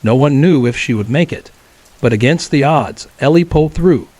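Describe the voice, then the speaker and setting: A man telling a true horror story as scripted narration, in a calm, measured way. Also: mid-range voice, no echo.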